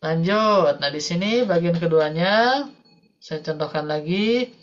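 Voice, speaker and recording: Slow, patient woman teaching online. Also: fairly low pitch, muffled recording. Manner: patient, repeats "ya" and "Ibu Bapak" often. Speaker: Quran recitation teacher. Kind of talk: online tajwid class, explaining slowly. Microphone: video call.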